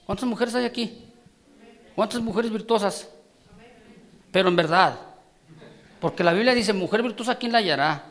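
A man's voice: sits high, normal speed, pauses often, a bit bright. A man preaching a sermon, emphatic, calling out questions to the congregation. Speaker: guest preacher.

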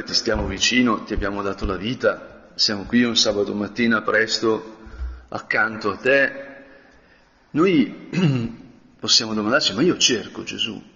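A man, a priest, giving a conversational spoken meditation, often clearing his throat and adding a questioning tag to his sentences. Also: fairly low pitch, sharp tone. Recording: dull lo-fi sound with long reverb.

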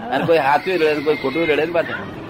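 A man's voice: fairly high pitch, fast, dull audio, over a noisy crowd, heavy background noise. Older man telling a rambling story. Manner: rambling storytelling, checks listener with questions. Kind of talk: casual anecdotal chat.

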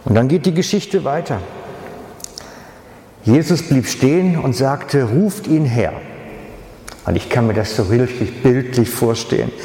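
Male preacher, slow and expressive, acts out the story, reverberant church room. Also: mid-range voice. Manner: dramatic storytelling, acting out voices. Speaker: pastor. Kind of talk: sermon. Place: church hall. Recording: echoey reverberant church hall.

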